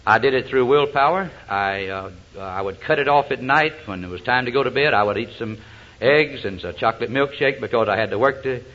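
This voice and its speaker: Talking fairly quickly in a mid-range, somewhat bright voice, a man shares his personal testimony at a recovery meeting, mixing in jokes. He speaks from a platform in a folksy manner, with frequent uh's and hesitations, captured in a dull lo-fi recording.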